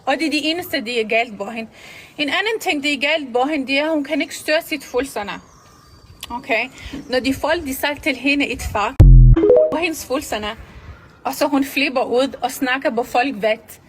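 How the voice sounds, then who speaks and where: A woman with a high, light voice chats on a livestream. She rambles in halting, loosely built sentences, circling back and repeating herself as she goes. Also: a bit bright, a little hiss or hum, rough recording. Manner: rambling, halting, with broken grammar. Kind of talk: casual livestream chat.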